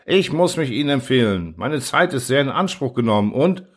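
A man's voice: mid-range voice, expressive, brisk, natural voice. Guy doing a pushy wine salesman who gets all flustered, bouncy up and down voice, storybook. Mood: exasperated.

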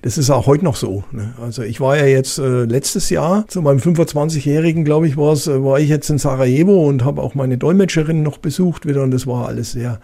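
Speaking a little fast with few pauses, this middle-aged former cop has a mellow, gravelly voice of medium pitch. He's a guest sharing casual stories in a Franconian German accent, chatting loosely with plenty of fillers and restarts.

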